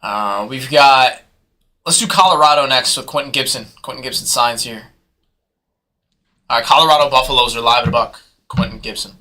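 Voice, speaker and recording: A man hosting a live sports card break, calling auction bids in hyped, fast patter. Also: medium pitch, pushed and bright. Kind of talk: live sales commentary.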